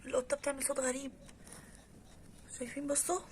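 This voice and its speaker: A woman's voice: high-pitched, flat delivery, quick pace, darkish tone, slight background noise. A woman with an Egyptian accent, vlogging at home and exclaiming anxiously as she talks straight to her viewers. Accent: Egyptian Arabic. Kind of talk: casual vlog commentary to viewers. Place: her apartment, indoors.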